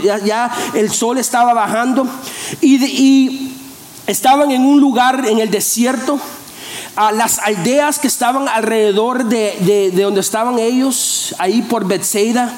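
High-voiced man preaching in an echoey room. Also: normal speed. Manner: animated, many restarts and repeated words. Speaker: pastor. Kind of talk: sermon.

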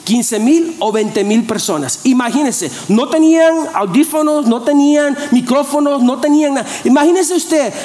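A man preaching a sermon as pastor, animated, often restarting and repeating his words. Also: extremely high pitch, moderate pace, hardly any pauses. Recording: echoey room.

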